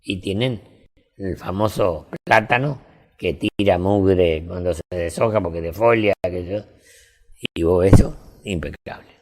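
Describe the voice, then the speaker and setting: An older man with an Argentine accent, telling folksy anecdotes in a relaxed interview chat. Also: low voice, unhurried. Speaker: storyteller.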